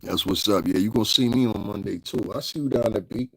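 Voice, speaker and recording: A man's voice: on the low side, fast, vocal fry, a bit bright, no room sound. A man, casually chatting on a live stream, brash and mocking, laughing often as he answers comments. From northeastern United States.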